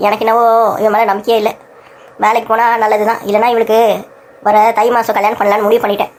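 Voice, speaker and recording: A woman's voice: mid-range voice, flat delivery, fast talker, slight background noise, lightly acted. A woman voicing a stubborn, blunt older father who scolds his daughter in a cartoon story. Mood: scornful. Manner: blunt, scornful.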